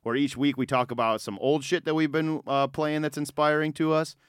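A man's voice: fairly high pitch, steady tone, brisk, clear, resonant tone, no room sound, clean studio sound. Laid-back man co-hosting a podcast. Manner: laid-back, lots of fillers and casual swearing. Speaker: podcast co-host. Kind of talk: casual podcast chat.

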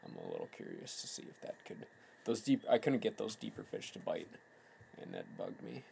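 A man with a Minnesota accent, co-hosting a relaxed fishing chat and laughing easily. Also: lowish voice, fairly quick, gravelly, a little hiss or hum. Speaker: podcast host. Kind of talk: casual chat.

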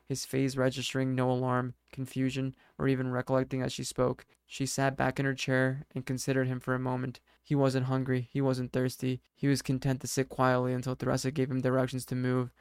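Flat, smooth-voiced male storyteller. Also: medium pitch, a little fast, hardly any pauses, no echo, clean studio sound. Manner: steady, even reading. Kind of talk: scripted narration.

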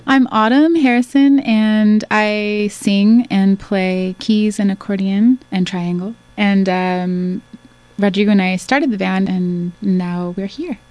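A woman musician chatting casually as a guest in a radio studio interview, relaxed and talkative. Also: medium pitch, slow pace, dry recording. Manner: chatty, relaxed, with small laughs and restarts. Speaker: singer and band founder, guest.

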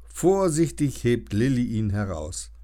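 A man reading a children's story aloud with an expressive, storytelling delivery. His voice sits at an ordinary pitch but rises and falls in wide, lively swings. He sounds engaged throughout. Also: a little slow. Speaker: narrator. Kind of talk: children's audiobook narration.

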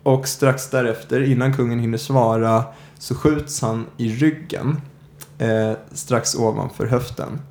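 A man hosting a podcast, telling a true-crime story in a casual way, often pausing on filler sounds. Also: medium pitch, steady tone, darkish tone. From Sweden. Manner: hesitant, many filler "eh"s. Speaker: podcast host.

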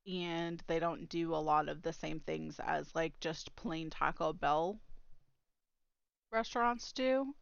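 A woman's voice: sits low, creaky, fairly bright tone, no room sound, muffled recording. A woman co-hosting a podcast in casual chat, rambling and trailing off into fillers. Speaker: podcast co-host.

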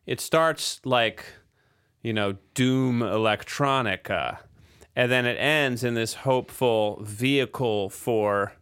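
A podcast co-host who plays drums takes it slowly, his mid-range voice smooth as he chats about recording their song. The talk is relaxed and rambling, peppered with fillers.

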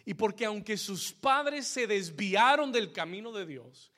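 Male pastor, sermon, high voice, emphatic call-and-response. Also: expressive, measured pace, sharp tone.

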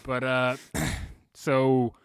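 A man's voice: medium pitch, level tone, drawn-out words, gravelly, smooth, no echo, studio quality. A man in casual conversation with friends, using loose frat-bro slang and a lot of swearing. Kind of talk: casual chat among friends.

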